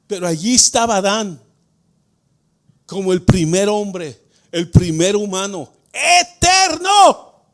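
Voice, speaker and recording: A male pastor with a notably high voice preaches a sermon in a church at a slow, drawn-out pace. He throws questions to the congregation and swings from hushed explanation to loud, shouted emphasis. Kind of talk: Spanish-language sermon. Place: church sanctuary.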